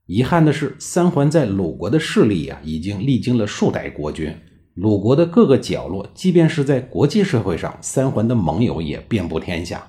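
Man, history storyteller, low dark voice, lively intonation, colloquial. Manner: colloquial, with chatty drawn-out particles. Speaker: history podcast narrator. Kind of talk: storytelling narration.

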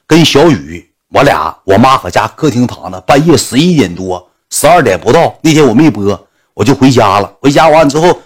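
A man's voice: medium pitch, very animated, moderate pace, breathy edge. A man with a Northeastern Mandarin accent, a livestreamer telling a crude comic story full of sound effects.

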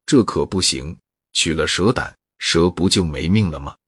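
A man's voice: sits low, moderate pace, husky, no echo, clean studio sound. A man doing a brash, greedy young spendthrift. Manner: plain storyteller's voice with little change.

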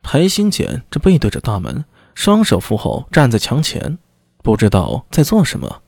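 Expressive male audiobook narrator, husky. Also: medium pitch, normal speed, no room sound, clean studio sound. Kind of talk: storytelling narration.

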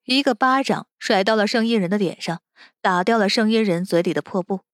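A woman narrating a web novel audiobook in an expressive, dramatic reading. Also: medium pitch, a little fast, no echo, clean studio sound.

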